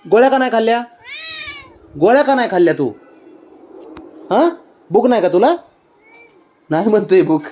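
A man's voice: sits high, lively intonation, moderate pace, long pauses, a little mellow, slight background noise. A man chatting to his pet cat in a coaxing, teasing way, repeating questions and chuckling often. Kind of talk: casual baby-talk to a pet.

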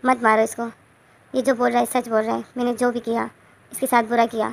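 A woman's voice: a little high, little pitch movement, brisk, creaky. A woman voicing a remorseful father who confesses why he treated his son harshly. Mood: regretful. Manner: confessional, regretful.

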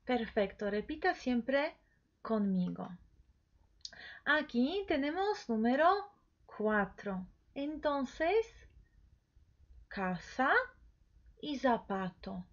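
Woman, language teacher, drawn-out repetitions, very slow delivery, muffled lo-fi sound. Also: on the high side, big pitch swings. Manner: repeats each word slowly, coaxing the listener to echo. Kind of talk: slow pronunciation lesson. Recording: dull lo-fi recording.

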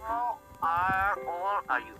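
A young voice reads out viewer questions slowly, stumbling and restarting over names and words. Loud music plays behind the whole time. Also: mid-range voice, sing-song. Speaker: co-host reading questions. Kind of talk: casual Q&A reading comments.

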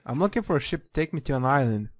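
A man's voice: medium pitch, lively intonation, racing. A man giving casual, sweary playthrough commentary, reacting aloud as he plays a game. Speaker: gamer. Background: game music.

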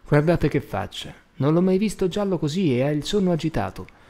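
A man's voice: fairly high pitch, big pitch swings, a little fast, vocal fry, warm tone, pitched above the performer's own voice. A man voicing a worn-out, stern mother of a poor family in an audiobook, speaking firmly and insistently. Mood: worried. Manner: firm, insistent.

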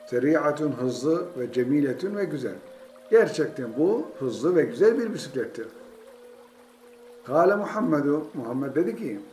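A man's voice: medium pitch, roomy sound. A man with a Turkish accent teaching an Arabic text, reading each word, then translating and repeating it patiently.

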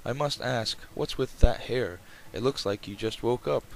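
A man's voice: medium pitch, normal speed, close to an everyday voice. Man reading as a nagging old landlady, noisy background. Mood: scolding. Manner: nagging, reproachful. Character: stern, scolding elderly landlady. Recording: clear background noise, game ambience.

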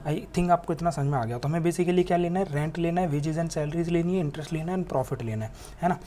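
A male teacher lectures in a classroom, patiently explaining step by step and mixing English terms into his explanations. His voice is a little high and dark in tone, a little fast, with slight hiss or hum; he poses rhetorical questions, answers them himself, and uses frequent tag questions.

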